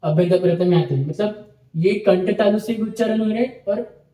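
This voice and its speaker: High-pitched male teacher, roomy echo. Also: fairly quick, dark tone. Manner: explains step by step, repeats terms, checks in with "ठीक है". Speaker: Sanskrit teacher. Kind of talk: online lecture.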